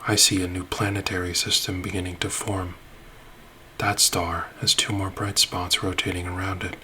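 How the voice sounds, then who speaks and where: A man narrating a space-ship ASMR roleplay in a soft, soothing voice that drops into whispers. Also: sits low, flat delivery, normal speed, slight background noise.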